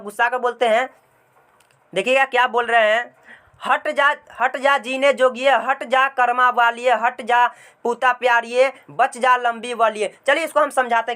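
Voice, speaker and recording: A man's voice: extremely high pitch, pushed and bright, clean tone. A male teacher explaining a school lesson, mixing English words into his speech and often telling students to look closely. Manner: mixes English words into Hindi.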